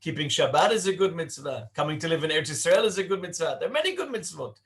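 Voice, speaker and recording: A man raised in Britain teaching a Torah class to young adults in a conversational way, asking rhetorical questions and slowing down to stress points. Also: fairly high pitch, expressive, a bit bright. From Britain (born in Leicester, raised in Cardiff).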